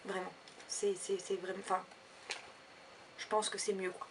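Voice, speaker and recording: A woman's voice: mid-range voice, level tone, normal speed, recorded from a distance, noisy background. A woman chatting casually in a shopping haul vlog, rambling with lots of fillers. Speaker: vlogger.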